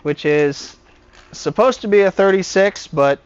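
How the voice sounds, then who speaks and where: A man's voice: sits high, a little slow, noisy background. Joking garage-vlog man, muffled audio. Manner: joking, wry banter while working. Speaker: co-host of a repair channel. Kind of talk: casual garage repair vlog.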